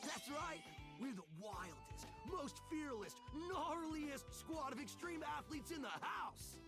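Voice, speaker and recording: A man's voice: very high voice, big pitch swings, slow, over loud music, heavily acted. A man playing an exuberant, boastful and dim young sports bro in a video game, full of surfer slang. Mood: exuberant bragging. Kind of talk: video game character acting.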